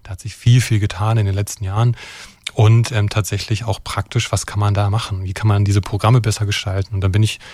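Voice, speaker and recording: A man's voice: on the low side, level tone, a little fast, darkish tone, no echo. A middle-aged man from Brandenburg, Germany, an expert guest who explains at length and tags his sentences with "ja". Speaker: expert guest from an extremism center. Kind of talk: conversational interview.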